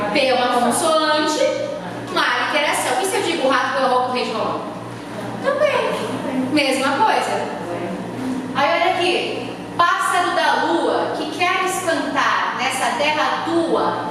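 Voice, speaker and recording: A woman's voice: high voice, a little slow, crowd noise. A woman teacher with a Brazilian Portuguese accent, giving a classroom lesson and quizzing her students with questions as she explains. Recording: echoey hall from far off, noisy.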